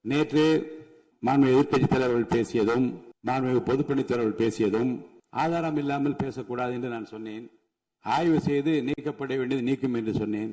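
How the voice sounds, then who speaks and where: A man chairing an assembly session, giving measured, formal rulings and addressing members with honorifics. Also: medium pitch, mellow, long reverb tail, rough recording. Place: legislative assembly chamber.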